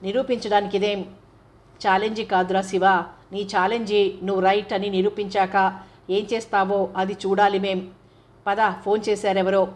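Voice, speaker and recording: A woman's voice: medium pitch, level tone, normal speed, lightly acted. A woman voicing an affectionate elder sister who scolds her younger brother in an audiobook novel. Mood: reproachful. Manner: reproachful, teasing.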